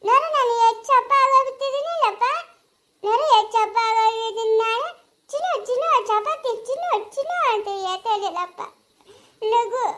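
A woman's voice: very high voice, animated, brisk, fairly bright tone, a little hiss or hum. A woman playing a simple-minded young daughter who lisps and pleads earnestly in a family skit. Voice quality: lisping, childlike speech.

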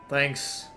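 A man streaming a speedrun, greeting viewers by name and reacting with sudden excited outbursts. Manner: greets and answers chat, bursts into excited exclamations. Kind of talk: casual live-stream chat while gaming.

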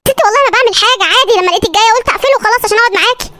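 A performer voicing a stubborn, defensive husband in an animated sketch, speaking with an Egyptian accent. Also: very high voice, racing, a little hiss or hum. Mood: defiant. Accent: Egyptian Arabic. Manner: defiant, dismissive.

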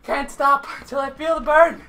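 Winded gamer, high bright voice, slow theatrical trash talk. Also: steady tone. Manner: melodramatic trash talk at the game. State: out of breath from exercising. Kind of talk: let's play commentary.

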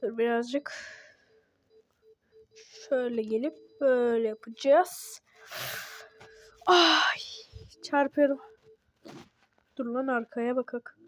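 A woman giving casual gameplay commentary as a channel host, excitable and talking back to the game when things go wrong. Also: on the high side, slow, pauses often, no echo. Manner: excitable, talks to the game, grumbles and yelps at mistakes.

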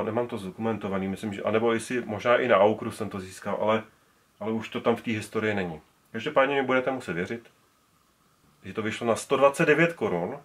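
Rambling man showing off old speakers. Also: lowish voice. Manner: rambling, many restarts, handles speakers while talking. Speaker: speaker collector. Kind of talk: casual show-and-tell. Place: indoor room full of speakers.

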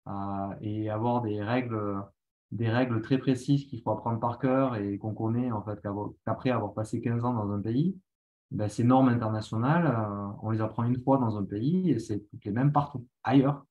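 A man's voice: fairly low pitch, moderate pace, narrow, tinny audio. Earnest man sharing views. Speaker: panelist. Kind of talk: casual panel discussion.

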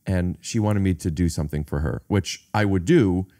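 A man in his thirties hosting a podcast, talking in a rambling, playful way with halting pauses. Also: sits low, mellow. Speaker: podcast host. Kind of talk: casual podcast conversation. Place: living-room podcast set. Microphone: studio mic on boom arm, headphones.

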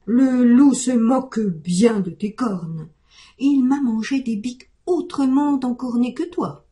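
A kindly old goat farmer, put on by a woman reading a storybook tale frets and exclaims in a raised, worried voice. He pleads slowly with his stubborn goat, his tone mellow and soft-edged. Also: on the high side. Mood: alarmed.

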